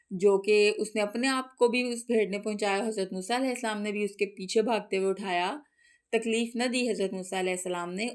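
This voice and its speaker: A woman teaching a lesson. She reads a text phrase by phrase, then translates and explains each one, often repeating and rephrasing. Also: mid-range voice.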